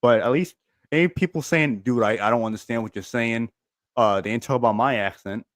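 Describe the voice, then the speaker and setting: A man's voice: mid-range voice, fairly quick, no room sound, studio quality. A man with a lisp hosting a podcast in casual chat, laid-back, reading out chat comments and laughing often.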